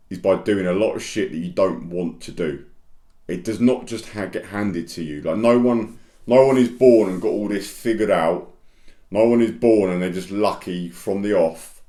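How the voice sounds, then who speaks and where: A man's voice: on the low side, a little mellow, reverberant. A man coaching construction business owners in a blunt, straight-talking monologue, swearing often and hammering points through repetition.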